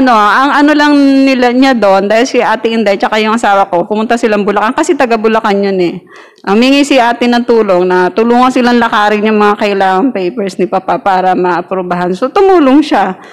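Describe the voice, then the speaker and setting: A middle-aged woman sharing a personal testimony in a church group, chatty and laughing often as she acts out quoted arguments. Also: fairly high pitch.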